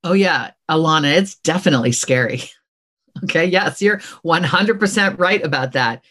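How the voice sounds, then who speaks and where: A middle-aged woman, an author and former dean, answering interview questions in a lively, encouraging way, acting out little quoted voices and often checking in with "okay?". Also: low voice, moderate pace.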